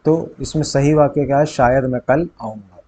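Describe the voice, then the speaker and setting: Reading grammar questions and their multiple-choice options aloud, a north Indian exam tutor with a Hindi accent then states which answer is right. His warm, mid-range voice stays fairly even at a moderate pace, though the recording is low quality.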